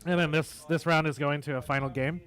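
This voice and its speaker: A man commentating a tabletop wargame stream in a relaxed, chatty, analytical way. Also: on the high side, brisk. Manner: chatty, analytical, laughs easily. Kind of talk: casual live game commentary.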